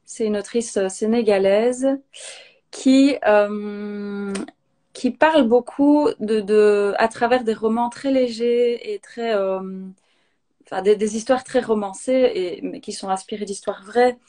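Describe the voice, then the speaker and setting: A woman's voice: medium pitch, slow, mellow. A woman in her thirties, a guest on a live video interview, talking spontaneously with many hesitations and restarts.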